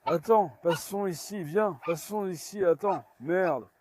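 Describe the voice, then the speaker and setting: High-voiced man coaxing dogs outdoors. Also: unhurried, a little hiss or hum. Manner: coaxing and calming dogs while chatting to viewers. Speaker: dog owner filming at his farm. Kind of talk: casual vlog. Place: farmyard outdoors.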